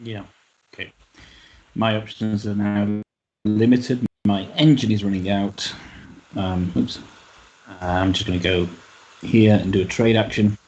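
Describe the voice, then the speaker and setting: A man's voice: fairly low pitch, level tone, a little slow, long pauses, darkish tone. Dude on a dull lo-fi mic doing his board game turn, wry jokes. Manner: talks through moves, wry. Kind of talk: casual game-night chat.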